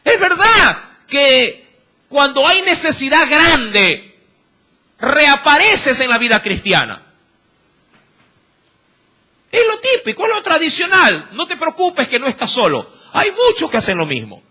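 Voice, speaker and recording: A man's voice: very high voice, huge pitch swings, slow pace, pauses often, bright, forceful tone. A man with an Ecuadorian accent preaching a sermon, emphatic and firing rhetorical questions at the congregation.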